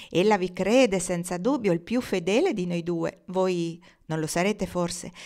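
A woman's voice: mid-range voice, natural voice. A woman reading the part of a flippant young French count in a novel, telling his tale with light laughs. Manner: breezy, laughing storyteller.

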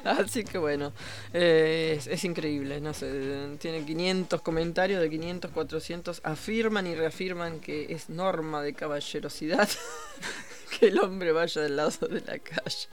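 Man, co-host, somewhat high voice, quick wry remarks, casual chat. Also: fairly even intonation. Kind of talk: casual talk-show chat.

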